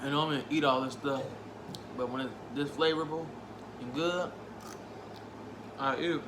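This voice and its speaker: Eating and savoring as he goes, a man gives a relaxed food review in a mid-range voice with fairly even intonation, speaking a little slowly and often murmuring "mm" in appreciation. The audio comes from a noisy, echoey room at home.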